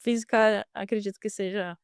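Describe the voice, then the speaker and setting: Speaking as an interview guest, a young woman with a Brazilian Portuguese accent, once a student and now a merchant navy officer, answers casually with many hesitations and restarts. Her medium-pitched voice is clear and resonant, steady in tone and moderate in pace. The studio-quality recording has no echo.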